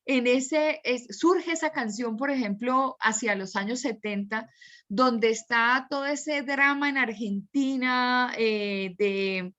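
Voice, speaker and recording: A woman's voice: a little high, a bit bright, highs cut off. A woman teacher explaining at length and working through examples during an online class.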